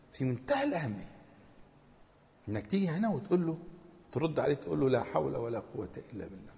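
A man with an Egyptian accent giving a lively religious lesson to a group, emphatic and given to stammered restarts. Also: medium pitch, creaky. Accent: Egyptian Arabic. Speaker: religious teacher. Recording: long hall reverb.

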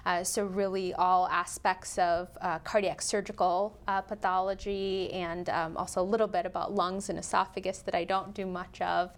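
A woman's voice: lowish voice, little pitch movement, moderate pace, few pauses. A woman cardiac surgeon on a call-in medical show, explaining procedures in plain terms and laughing easily.

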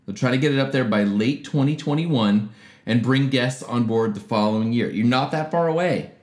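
A man's voice: medium pitch, moderate pace, darkish tone, roomy sound. A man co-hosting a comedy news podcast in casual chat, joking and sarcastic and laughing often. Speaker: podcast co-host.

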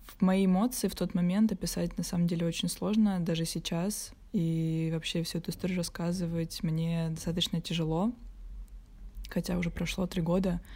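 Low, flat-voiced young woman guest. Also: brisk. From Novorossiysk, Russia. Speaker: podcast guest. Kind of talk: podcast talk.

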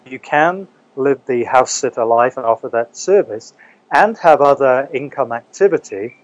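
A man from New Zealand chats as an interview guest in an average-pitched voice. The recording is dry and a little dull and lo-fi. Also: expressive, moderate pace, dry recording. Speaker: interview guest, English teacher. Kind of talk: casual interview talk.

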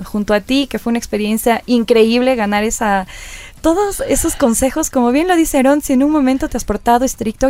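A woman radio presenter in her thirties telling her story in a casual interview, acting out the dialogue she recalls. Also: dry recording. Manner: lively, acts out quoted dialogue with rising pitch.

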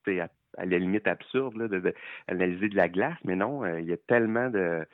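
Low-voiced Québécois man on a tinny line. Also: no room sound. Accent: Québécois French. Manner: enthusiastic, halting with many fillers. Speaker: film critic guest. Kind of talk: casual podcast chat. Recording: tinny phone-like line, dry.

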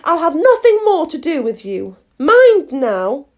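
Woman playing prim, high-voiced little girl Alice. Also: very animated, moderate pace, highs cut off. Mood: stern. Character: polite, earnest, inquisitive little girl Alice. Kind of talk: storybook character reading.

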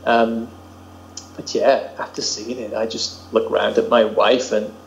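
A man talks through his views in a steady, thoughtful podcast chat, pausing on fillers. The sound is roomy and echoey, and the audio is dull and lo-fi. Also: lowish voice, vocal fry, slight background noise. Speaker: podcast co-host. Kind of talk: casual chat.

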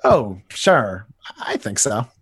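A man's voice: fairly low pitch, huge pitch swings, takes it slowly, fairly bright tone, breathy edge, no echo, full character voice. A man voicing Nightwing, a cocky young male hero who teases his younger partner, in a dramatic comic reading. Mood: sheepish. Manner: teasing, easygoing big-brother banter.

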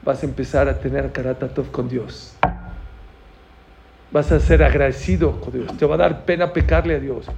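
A man's voice: mid-range voice, steady tone, moderate pace, creaky. A man giving a sermon to young people in an auditorium, telling stories, acting out dialogue and asking the audience questions. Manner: storytelling, acts out dialogue, asks the audience questions. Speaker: religious teacher. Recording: dull lo-fi recording, faint noise.

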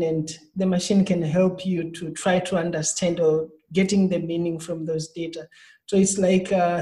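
Warm-toned woman. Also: lowish voice, low-quality recording. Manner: hesitant, searching for words. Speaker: guest, startup team member. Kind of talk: interview answers.

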